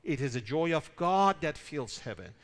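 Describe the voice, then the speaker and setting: Animated male preacher in a reverberant hall. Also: fairly high pitch, moderate pace. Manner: animated, emphatic preaching with dramatic quotes and rhetorical questions. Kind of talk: sermon. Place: church hall.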